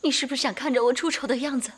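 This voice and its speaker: A woman's voice: sits high, steady tone, racing, slightly rough. An actress playing a distraught young fox spirit woman who is ashamed of how she looks, speaking tearfully and bitterly in a TV drama. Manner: tearful, pleading, flares into shouting. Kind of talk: TV drama dialogue. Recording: loud film score behind dialogue.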